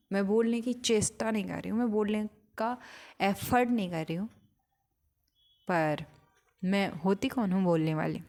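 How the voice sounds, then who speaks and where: A woman with a mid-range voice gives a reflective spiritual talk. She speaks in short, unhurried phrases and pauses often between thoughts. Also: medium pitch, darkish tone.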